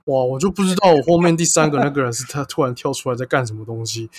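A man's voice: medium pitch, quick pace. A man co-hosting a casual chat show, telling a story animatedly and acting out the people in it. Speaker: podcast co-host.

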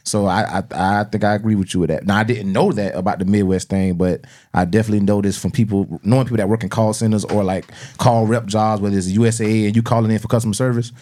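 A man with a Southern, South Carolina accent and a fairly low voice. He hosts a casual discussion, arguing his points in loose slang and swearing freely. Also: steady tone, fast, warm tone. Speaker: podcast host. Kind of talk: casual debate and chat.

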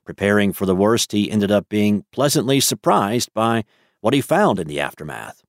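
A man narrates a daily weather news report in an even, measured read. His voice sits fairly low. The recording is dry and close, with no room sound. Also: dry recording.

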